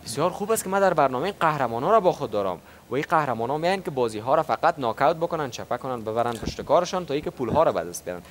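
A man's voice: mid-range voice, hardly any pauses, slight background noise. A man with an Afghan Dari accent hosting a TV game show, chatting with contestants and calling out the countdown. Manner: animated, calls the countdown and cheers contestants on. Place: TV studio with audience.

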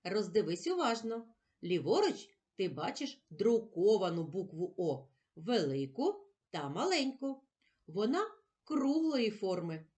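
Slow, lively woman teaching children. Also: medium pitch. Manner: clear, drawn-out sounding of letters and syllables. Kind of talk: slow lesson for young children.

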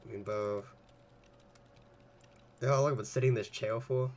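A man's voice: medium pitch, fairly even intonation, normal speed, darkish tone. A man chatting casually while playing a game, laid-back and teasing, often saying bro, with faint game music behind. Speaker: let's play gamer. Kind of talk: casual gaming chat.

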